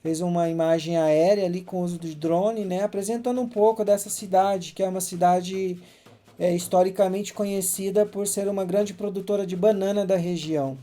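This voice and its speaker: Male filmmaker, very warm and dark tone, unhurried explanatory commentary. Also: high voice. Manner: calm, explanatory, with frequent "né". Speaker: filmmaker and journalism professor. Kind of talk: film commentary track.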